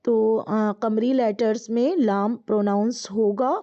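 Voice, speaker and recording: A woman teaching an Arabic reader lesson, reading each word slowly and drawn out, then explaining it quickly. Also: fairly high pitch, steady tone, dark tone, dull audio. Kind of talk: explaining a language textbook lesson.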